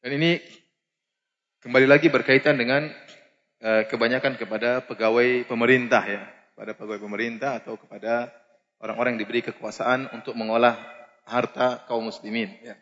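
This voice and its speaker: A man's voice: mid-range voice, fairly quick, long pauses. Man preaching in a reverberant mosque hall. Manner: lively, humorous, asks the audience questions. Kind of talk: Islamic lecture. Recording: muffled lecture recording in a reverberant hall.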